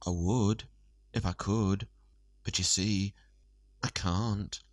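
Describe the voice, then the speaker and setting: A man voicing a kindly talking brick oven that speaks in a gentle, sing-song way. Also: fairly low pitch, steady tone, slow pace, dry recording, clean studio sound. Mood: apologetic.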